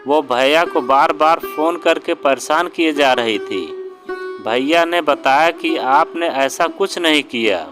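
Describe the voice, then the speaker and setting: A man's voice: a little high, slow. A man doing a tearful, pleading younger brother. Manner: pleading, choked voice. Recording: guitar music underneath.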